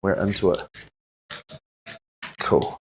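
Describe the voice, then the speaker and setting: A man's voice: slow pace, very noisy. A man with a broad New Zealand accent chatting casually as the host of a tattoo livestream, in a laid-back, slangy, matey way. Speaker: tattoo artist hosting a livestream.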